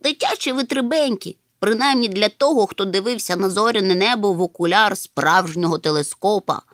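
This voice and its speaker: A woman's voice: mid-range voice, brisk, fairly bright tone, no room sound, clean studio sound, lightly acted. A woman voicing a small, fussy, timid male creature in a storybook reading, with a whiny, hesitant manner. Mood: boastful.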